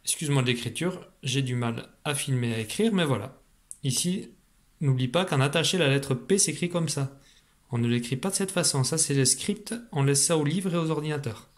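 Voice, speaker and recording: A man teaching a remote lesson to young children, patient and slow, repeating syllables for a dictation. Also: a little high. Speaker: primary school teacher.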